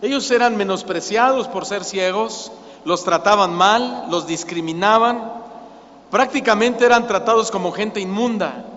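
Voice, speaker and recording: High-voiced pastor preaching in a reverberant church. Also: male voice, measured pace, fairly bright tone. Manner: impassioned preaching, pleading questions to the congregation. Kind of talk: sermon. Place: church sanctuary. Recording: dull lo-fi church recording with long reverb.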